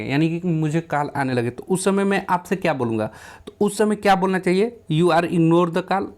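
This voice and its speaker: A man walks a class through multiple-choice exam questions one by one. His voice sits somewhat high for a man. He reads each English question out slowly and carefully before explaining it patiently in plain Hindi. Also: darkish tone. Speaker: teacher. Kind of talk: exam question walkthrough lesson.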